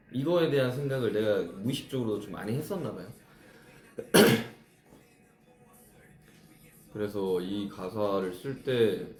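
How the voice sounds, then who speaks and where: A musician in his thirties chats casually with fans on a live stream, reflecting on how he writes his songs. His voice is fairly low with a darkish tone, and the sound is roomy.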